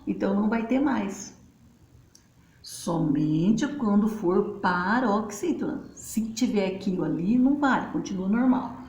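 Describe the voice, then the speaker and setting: A woman's voice: mid-range voice, a little mellow, highs cut off. A woman teacher, patiently explaining at a board and spelling out syllables in a chatty way. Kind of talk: casual classroom explanation. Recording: roomy, faint background noise.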